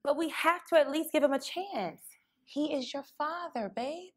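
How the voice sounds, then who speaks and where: Casting: woman plays late-twenties girlfriend, slightly high voice, insistent yet affectionate, stage drama. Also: moderate pace, close to an everyday voice. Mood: firm, chiding. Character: firm, caring pregnant partner in her late twenties. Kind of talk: stage play dialogue.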